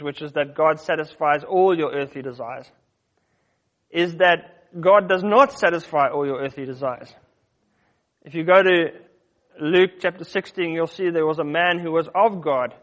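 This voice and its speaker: High-voiced man preaching a Bible sermon. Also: a bit bright, dull audio. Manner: teaching Bible verses, questioning the audience, with fillers and restarts.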